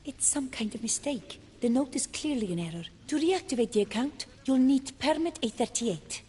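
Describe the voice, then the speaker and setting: A woman's voice: sits high, expressive, normal speed, warm tone, slight background noise. An actress playing a polite, bureaucratic bank clerk in a video game, formal and rote in her courtesy. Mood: polite stonewalling. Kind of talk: scripted video game dialogue. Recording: long reverberant hall.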